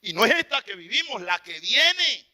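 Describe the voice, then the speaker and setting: A man preaching an impassioned sermon, swinging from loud exclamations to hushed, pleading asides. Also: very high-pitched, very animated, moderate pace.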